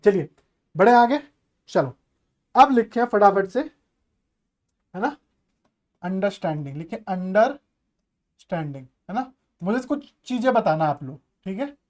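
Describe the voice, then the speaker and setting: A man's voice: sits high, darkish tone. A male maths teacher giving an online exam-prep lecture, chatty and coaxing, asking the class rhetorical questions and mixing English terms into his explanations.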